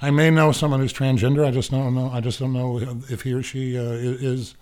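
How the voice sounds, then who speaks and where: A man's voice: medium pitch, little pitch movement, a little fast, darkish tone. A man hosting a radio show, reading the news casually and breaking off into rambling, joking asides. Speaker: radio host. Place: radio studio.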